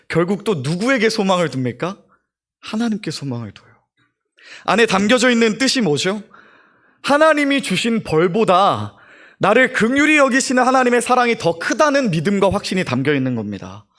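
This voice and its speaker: A man's voice: high voice, a bit bright. A young man, a junior pastor, preaching a sermon and acting out the prayers he quotes.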